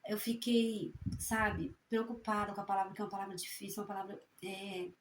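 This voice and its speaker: A woman preaching with a fervent, folksy warmth, often tagging her sentences with questions and pausing to correct her own reading. She speaks at a mid pitch, and her voice rings in a roomy space over a faint background hum. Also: flat delivery. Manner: fervent, folksy, frequent "né?" tags; halting reading with self-corrections. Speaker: evangelical preacher sharing a prophecy. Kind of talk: spoken testimony and scripture reading.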